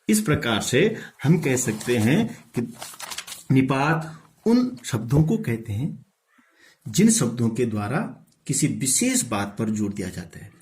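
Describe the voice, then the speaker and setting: A man gives a grammar lesson in a fairly high voice. He speaks very slowly and deliberately, repeating key terms for emphasis. He often asks a question and answers it himself. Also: a little mellow, reverberant. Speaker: Hindi grammar teacher.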